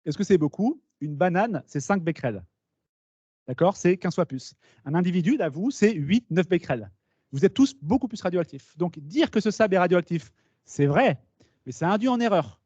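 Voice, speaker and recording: A man giving a lively conference talk to students, explaining with asides and questions to the audience. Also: sits high, normal speed, husky, no echo. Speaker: speaker at a talk. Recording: dull, slightly lo-fi meeting recording.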